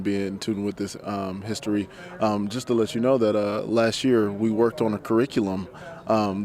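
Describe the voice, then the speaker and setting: Low-voiced man, hesitant, outdoors. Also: a little mellow. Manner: hesitant, many filler sounds. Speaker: education community leader. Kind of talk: outdoor event interview. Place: outdoors at a city event.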